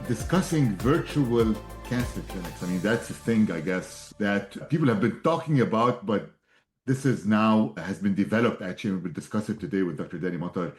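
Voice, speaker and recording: A man's voice: fairly low pitch, animated, moderate pace, faint music behind. A man hosting a podcast interview, asking questions in a casual, hesitant way with fillers. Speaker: podcast host.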